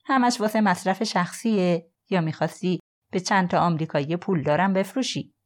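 A woman's voice: lowish voice, natural voice. A woman voicing a stern male police officer who coldly makes an arrest in an audiobook. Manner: curt, firm, mocking.

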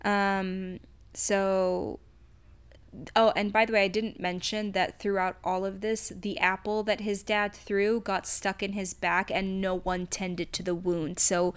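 A woman's voice: medium pitch, flat delivery, takes it slowly, clear, resonant tone. A woman co-hosts a casual literary discussion in a mid-range voice. She speaks emphatically and candidly, like someone who swears freely, in an informal podcast style. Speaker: podcast co-host.

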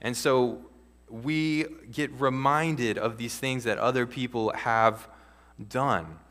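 A man preaching a sermon as pastor, earnest and measured, with occasional restarts. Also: mid-range voice, a bit bright. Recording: long hall reverb.

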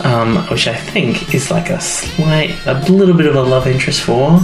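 A man co-hosting a podcast recaps a story in loose, informal chat, acting out quotes of dialogue along the way. His mid-range voice moves at a moderate pace over music, and the recording has roomy echo and faint background noise.

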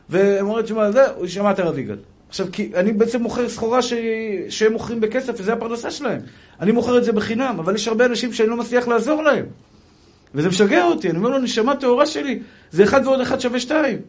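Animated high-voiced rabbi lecturing. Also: male voice. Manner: animated storyteller who acts out quoted speech; repetitive, emphatic phrasing with frequent restarts. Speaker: rabbi giving a Torah lecture. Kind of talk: spoken religious lecture to an audience.

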